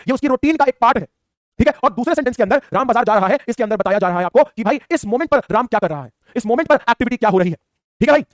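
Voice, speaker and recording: A high-voiced man rattling through a class at top speed, teasing students with "है ना" after almost every line. He sounds like a teacher talking close to the mic in a dry room with no echo. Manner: teasing, playful, repetitive tag questions. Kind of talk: fast online class lecture.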